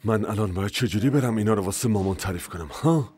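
A man's voice: on the low side, darkish tone, natural voice. A man dubbing an exasperated older brother pleading about family and business in a TV drama. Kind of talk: Persian dub of a TV drama.

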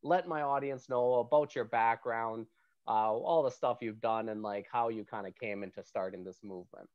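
A man in his thirties hosting a podcast, talking in a friendly, upbeat way with halting fillers, into a handheld mic in a small room. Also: mid-range voice. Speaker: podcast host. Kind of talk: casual interview chat. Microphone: handheld microphone. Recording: dull lo-fi sound.

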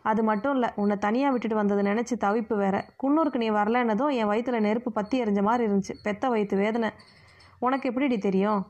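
A woman's voice: fairly high pitch, a little fast, a little mellow, lightly acted. Woman voicing a fretful scolding mother. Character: worried scolding middle-aged mother. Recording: muffled lo-fi recording.

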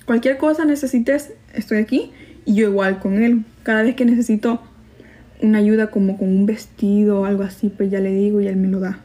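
A woman's voice: medium pitch, fairly even intonation, brisk, dark tone. A young woman from El Salvador with a Salvadoran Spanish accent tinged with Mexican, chatting casually on a livestream, gossipy and laughing easily as she answers comments. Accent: Salvadoran Spanish with some Mexican. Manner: reads viewer comments aloud. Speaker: livestream host. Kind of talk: casual live-stream chat.

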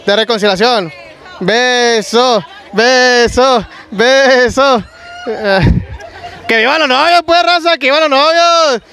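Here a young male street prank show host, Mexican Spanish accent, stages a game at an outdoor market over a handheld mic, teasing a couple and firing up the crowd with slang. His voice is very high and sharp, and he takes it slowly.

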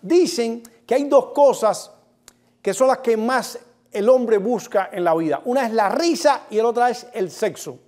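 High-voiced Cuban comedian man. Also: animated, unhurried, darkish tone. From Cuba. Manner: joking, addresses the audience directly; acts out different laughs. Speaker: comedian host. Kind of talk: stand-up monologue.

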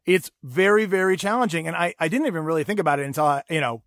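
A man's voice: a little high, fast, a bit bright, no echo, clean studio sound. A man hosting a podcast, chatting casually and animatedly about his kids, acting them out as he tells stories. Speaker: podcast host. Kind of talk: casual chat.

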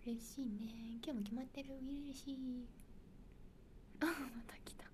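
A young woman with a Kansai accent hosting a casual livestream, chatting brightly and answering viewer comments, often dropping into soft, near-whispered asides. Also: high-pitched, fairly even intonation, a little slow, slight background noise. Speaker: idol livestream host.

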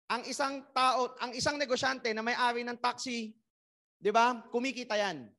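A young man from the Philippines giving a motivational business orientation to a crowd, firing rhetorical questions and pushing his voice up loud to drive points home. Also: very high voice, fairly even intonation, normal speed. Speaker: network marketing trainer.

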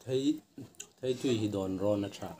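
A man's voice: on the low side, brisk, mellow, slight background noise. A man from Northeast India, a mukbang vlogger, making short offhand remarks between bites with his mouth partly full. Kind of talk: casual eating-show chat.

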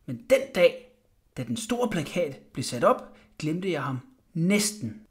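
A man reading a children's bedtime story aloud in an expressive way. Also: on the high side. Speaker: audiobook reader.

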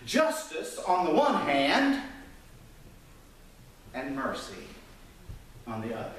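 A pastor in his fifties preaches a sermon from a church pulpit, gesturing animatedly and swinging his voice widely high and low. The audio, taken from a pulpit mic and filmed from the pews, sounds echoey and distant in the sanctuary.

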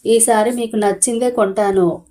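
Lady reading a calm caring wife in an audio story, soft and placating. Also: a little high, normal speed, natural voice. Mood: soothing. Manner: gentle, placating.

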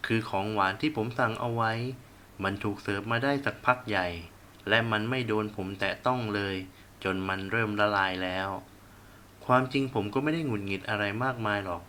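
A man reading a first-person romance novel aloud with a bright, clear voice in an even, storytelling pace. The delivery is steady and scripted, with a faint hiss of noise underneath. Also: lowish voice. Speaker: audiobook narrator.

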